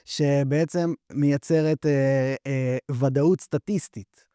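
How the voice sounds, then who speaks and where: A young man hosting an interview, asking questions in a hesitant, halting way with many restarts. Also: mid-range voice, fairly even intonation, dark tone, clean tone, no room sound, studio quality. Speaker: podcast host.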